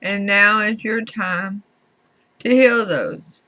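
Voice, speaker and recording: A woman giving a tarot reading to viewers in deliberate short phrases, her speech slightly slurred as if from a swollen mouth. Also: medium pitch, pushed and bright, low-quality recording. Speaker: tarot reader.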